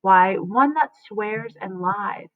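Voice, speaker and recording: A woman's voice: mid-range voice, expressive, slow pace, no echo. A woman reading a bitter noble mother. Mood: teasing. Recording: tinny phone-like dry sound.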